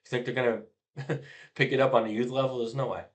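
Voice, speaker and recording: A middle-aged man, a youth football coach, casually explaining blitz schemes over a diagram, often trailing off quietly at the ends of phrases. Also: medium pitch, steady tone, a little fast.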